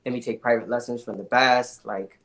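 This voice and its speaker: A young man from the Dominican Republic, telling his life story as a podcast guest in an energetic, emphatic way. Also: mid-range voice, brisk. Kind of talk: casual interview storytelling.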